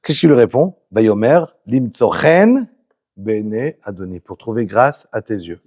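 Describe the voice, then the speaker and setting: A man teaching a Torah lesson to a small group, animated and putting questions to his listeners. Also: fairly low pitch, unhurried.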